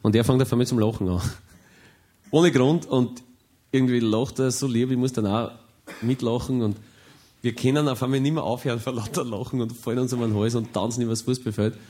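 A man with an Austrian German accent performing a stand-up monologue, telling a rambling story in a deadpan way with hesitations. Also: medium pitch, a little fast. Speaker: comedian.

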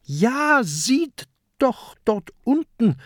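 A high, shrill young boy, put on by the storybook narrator, calls out in bursts and trips over his words. His voice jumps well above the narrator's own and swings widely, in a dry, close recording. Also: big pitch swings, very slow, no echo. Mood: urgent. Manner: stammering, shrill. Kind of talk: audiobook narration.

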